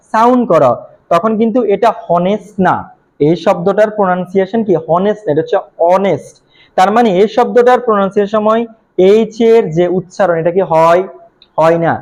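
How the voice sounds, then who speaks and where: A young man teaching a video lesson to students, asking questions and answering them himself, repeating each point slowly and patiently. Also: high voice, darkish tone, low-quality recording. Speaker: English teacher.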